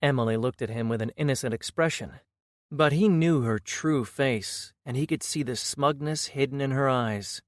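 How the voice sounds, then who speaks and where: A man reading a fantasy audiobook in steady, measured scripted narration. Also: medium pitch, no room sound, studio quality.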